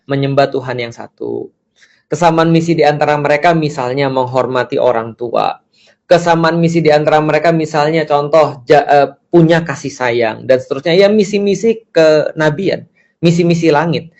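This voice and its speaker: A man giving a casual religious lecture as a preacher, lively and acting out the voices he quotes. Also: fairly high pitch, fairly quick, highs cut off. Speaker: Islamic preacher.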